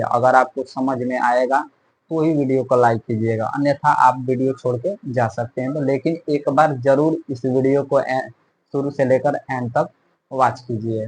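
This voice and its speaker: A man with a mid-range, slightly rough voice teaches a maths lesson step by step, repeating himself and often checking in with "theek hai". The audio quality is poor.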